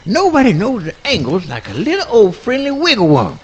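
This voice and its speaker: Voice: mid-range voice, huge pitch swings, moderate pace, husky, dull audio. An actor voicing a mild-mannered male possum in folksy swamp dialect with mangled grammar, in a live radio play. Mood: easygoing musing.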